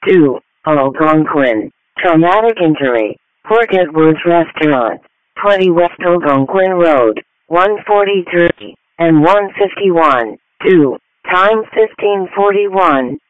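A man's voice: a little high, expressive, slow, no room sound. A man's voice reading formal fire dispatch announcements in separated phrases over radio. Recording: narrow, tinny radio channel.

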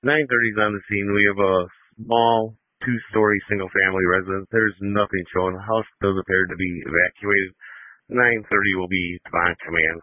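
A man's voice: low-pitched, fairly even intonation, moderate pace, no room sound. A man serving as a fire officer on command, giving clipped, businesslike reports over a two-way fire radio. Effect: two-way fire radio transmission. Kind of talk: terse radio dispatch traffic. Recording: tinny, dry scanner radio audio.

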